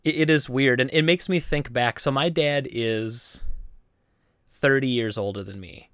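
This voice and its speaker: A man's voice: mid-range voice, a little slow, fairly bright tone, no room sound, studio quality. A man in his late thirties, co-hosting a podcast in casual chat, rambling with many fillers and restarts. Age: 30s. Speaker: podcast co-host.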